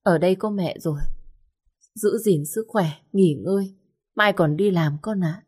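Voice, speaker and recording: A woman's voice: mid-range voice, a little slow, darkish tone, slightly rough. A woman voicing an anxious older mother, tearful and pleading, in a storybook reading. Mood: weary.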